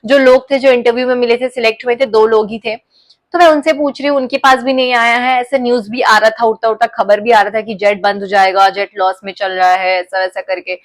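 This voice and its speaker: A young woman vlogger telling a personal story in a casual, animated way, often mixing English phrases into her talk. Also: on the high side, brisk. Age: young adult.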